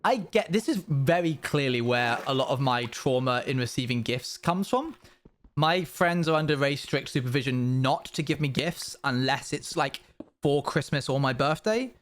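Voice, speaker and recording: A man's voice: medium pitch, normal speed, fairly bright tone, slight background noise. A young man streaming live, telling rambling stories to his viewers with self-aware asides. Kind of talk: casual chat with viewers.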